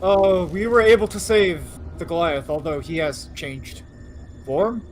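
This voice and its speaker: A man playing a tabletop game, animated and stammering, often laughing. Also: high-pitched, measured pace, a little hiss or hum. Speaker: player. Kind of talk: casual tabletop play.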